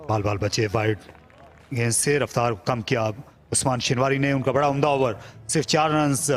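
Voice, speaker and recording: Mid-pitched Pakistani male cricket commentator. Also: fairly even intonation, normal speed. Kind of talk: live play-by-play cricket commentary.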